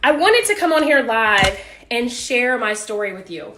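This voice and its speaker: A woman physician chats casually with viewers on a phone or webcam livestream from her home office. Her fairly high, animated voice has a sharp tone and normal speed, and she greets people and laughs often, warm, upbeat, and a bit out of breath. The sound is roomy.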